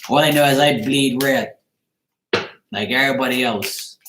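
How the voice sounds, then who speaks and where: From his living room, a Bermuda-born tarot reader talks with livestream viewers at normal speed in a mid-range voice. The chat is casual, blunt, and full of jokes, and the room echoes slightly with faint noise and clicks.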